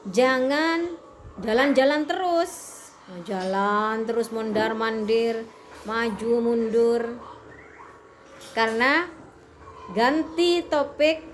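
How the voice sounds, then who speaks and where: A woman teaching a class, explaining step by step in a patient way with many fillers. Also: on the high side. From Indonesia. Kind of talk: classroom lesson to students.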